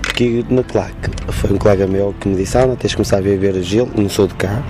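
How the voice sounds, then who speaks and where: Low-voiced northern Portuguese man chatting. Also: fairly even intonation, noisy background. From Guimarães, northern Portugal. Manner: halting, loosely strung phrases. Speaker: football supporters' group leader. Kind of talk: casual interview talk.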